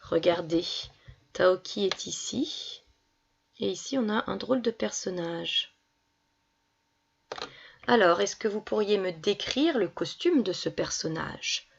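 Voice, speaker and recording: A woman's voice: medium pitch, animated, slow pace, vocal fry, long pauses, husky. A woman primary school teacher giving a reading lesson to young children, patiently sounding out syllables. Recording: dull lo-fi recording.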